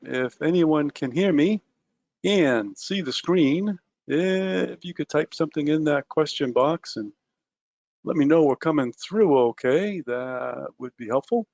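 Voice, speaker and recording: A man's voice: on the high side, expressive, measured pace, gravelly, a little mellow, no room sound. Chatty male webinar presenter, dull sound. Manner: conversational, many "uh" and "um" fillers, addresses listeners directly. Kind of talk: live trading webinar presentation.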